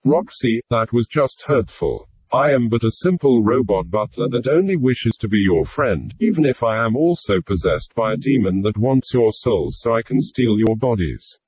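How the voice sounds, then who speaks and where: A man doing a polite robot butler, husky and dull. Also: mid-range voice, normal speed, hardly any pauses, no echo. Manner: polite, formal, deadpan. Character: polite demon-possessed robot butler, male. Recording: dull, lo-fi, dry.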